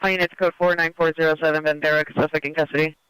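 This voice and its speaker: A man's voice: fairly high pitch, level tone, very fast, pushed and bright, clear, resonant tone, no echo, rough recording. A man working as a police radio dispatcher, giving clipped procedural call-outs over the radio. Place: police scanner radio feed.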